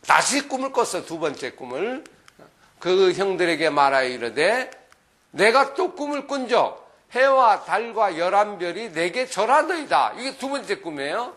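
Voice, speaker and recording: A middle-aged man, a pastor, giving a Bible lesson to children, asking them questions and checking often that they follow. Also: sits high. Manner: lively, asks the listeners questions, often adds "그죠?".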